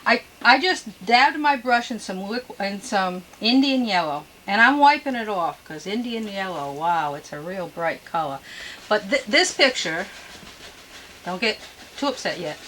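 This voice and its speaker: Gentle woman painting instructor, noisy recording. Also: mid-range voice, animated, a little slow. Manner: folksy, chatty asides with mild exclamations. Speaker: painting instructor and show host. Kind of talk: unscripted step-by-step painting demonstration.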